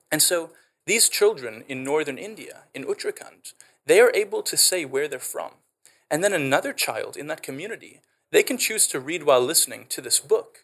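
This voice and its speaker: An edtech founder with a Canadian South African accent explains his work in a podcast interview. His voice is slightly high and fairly bright, and he speaks fluently with eager enthusiasm.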